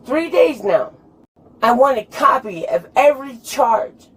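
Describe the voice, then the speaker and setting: A woman's voice: high-pitched, big pitch swings, measured pace, fairly bright tone, slightly rough. A drunk woman being arrested, arguing with police in an insistent, repetitive, protesting way. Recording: noisy police body camera audio.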